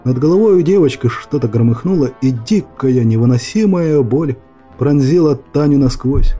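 Casting: male audiobook narrator, very dark mellow tone, dramatic delivery, faint music under. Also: mid-range voice, normal speed, husky. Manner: dramatic, expressive storytelling. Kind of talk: scripted fairy-tale narration.

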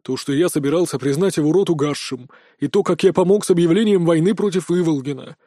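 A hot-tempered, arrogant governor, voiced by a man who blusters, snaps and shouts. The voice sits a little high but mellow, recorded close and dry. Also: fast, dry recording, close to an everyday voice. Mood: angry. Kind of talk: audiobook character voicing.

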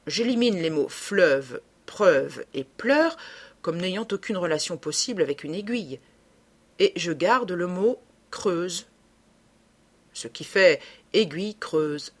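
A woman voicing a young male amateur detective who reasons methodically, in a husky, fairly low voice. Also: expressive, takes it slowly, heavily acted. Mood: reasoning. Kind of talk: audiobook reading.

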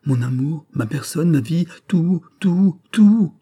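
A male reader lifts his voice into a proud noblewoman who presses her case with passion and insistence. The tone stays dark and mellow under a husky edge, as in a storybook reading. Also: medium pitch, normal speed, close to an everyday voice. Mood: passionate. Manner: impassioned, pleading and insistent. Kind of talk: audiobook reading of a classic novel.

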